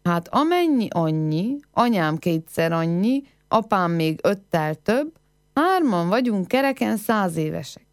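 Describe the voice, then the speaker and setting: A woman's voice: mid-range voice, very animated, smooth, dry recording, clean studio sound. A woman voicing a clever young village girl in a folk tale, with pert, teasing riddle answers.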